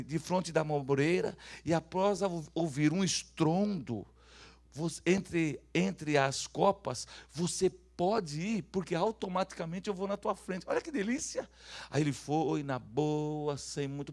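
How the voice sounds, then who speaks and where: A high-pitched male pastor from Brazil delivering a sermon. He drops to soft, low asides and then rises to loud, ringing calls for the church to repeat his words. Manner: swings from hushed asides to shouted calls for the congregation to repeat.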